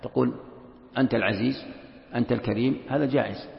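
A male scholar with a deeply gravelly voice teaches a lesson. He explains patiently, repeats himself for emphasis and poses his own questions. His voice comes through a dull, lo-fi recording with a long echo. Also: quick pace. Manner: explanatory, repeats key phrases, asks and answers own questions. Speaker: Islamic scholar teaching tafsir. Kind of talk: classroom lesson commentary. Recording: echoey, dull lo-fi hall recording.

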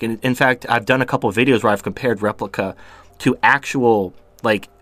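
A man's voice: medium pitch, a bit bright, dry recording. A man hosting a podcast, talking in blunt, crude and opinionated casual banter. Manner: blunt, crude, opinionated, laughs at his own jokes. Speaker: show host.

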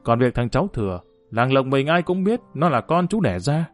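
A man voicing a calm, steady middle-aged husband in an audiobook. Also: medium pitch, normal speed, faint music behind, lightly acted. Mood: earnest.

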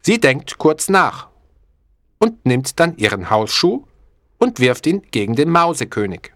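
A male narrator reading a story at a slow, careful pace, with a lively, expressive pitch. The recording is dry and close to the mic. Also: no echo. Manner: clear, deliberate, expressive.

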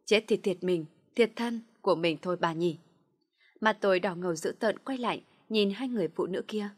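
A woman narrating a first-person dramatic story, shouting out the heroine's anguished lines. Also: mid-range voice, moderate pace.

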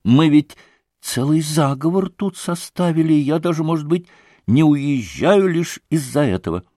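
A man's voice: fairly high pitch, lively intonation, normal speed, dark tone, dry recording, studio quality, close to an everyday voice. Man voicing a gushing, breathless society lady. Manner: breathless, effusive, exclamatory. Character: gushing excitable middle-aged society lady. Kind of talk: audiobook character voice.

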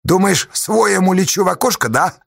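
A sly outlaw with a devil's grin, as a male reader plays him, jeering in a raised, gravelly voice that swings wide and lively. He is loud and accusing, his taunts landing hard in a bright, husky tone. It is a storybook villain, close and dry. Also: high voice, moderate pace, dry recording, pitched above the performer's own voice, full character voice. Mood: mocking.

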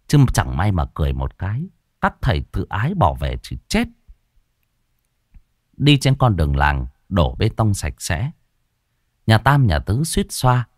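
Lively comic storyteller man. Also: low voice, a little slow, pauses often, dry recording, studio quality. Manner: expressive, mocking. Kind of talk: comic ghost story narration.

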